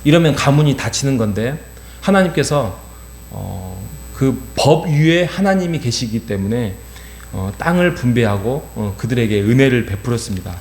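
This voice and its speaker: In a church sanctuary early in the morning, a middle-aged pastor delivers an earnest sermon full of fillers and rhetorical questions. He speaks animatedly at a moderate pace in a mid-range, slightly mellow voice, and the sound is roomy with a faint hum.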